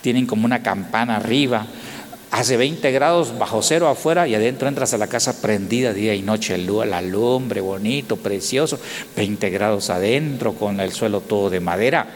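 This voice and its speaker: A man from Oaxaca with a Mexican Spanish accent, preaching a sermon with storytelling that swells into loud, indignant exclamations. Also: on the low side, normal speed. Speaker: pastor. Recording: long hall reverb, faint noise.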